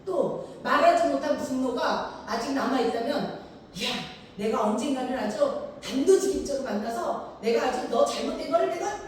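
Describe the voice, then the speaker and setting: A woman pastor preaching a sermon, telling the story vividly and acting out quoted lines. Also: a little hiss or hum. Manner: animated storytelling, acting out quoted lines with big pitch swings. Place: church sanctuary. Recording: echoey hall picked up from far off.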